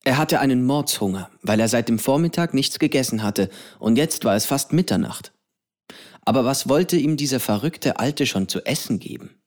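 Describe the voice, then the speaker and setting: A male audiobook narrator telling a story at a calm, even pace. His voice sits at a middle pitch and stays steady throughout. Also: moderate pace. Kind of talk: audiobook reading.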